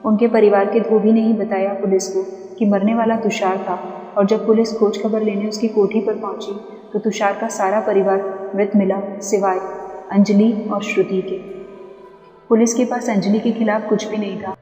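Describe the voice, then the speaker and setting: A woman's voice: mid-range voice, little pitch movement, normal speed, dark tone, highs cut off. A woman storyteller reading a horror tale in a dramatic, suspenseful way. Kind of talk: scripted horror narration. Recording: echoey reverb with background music.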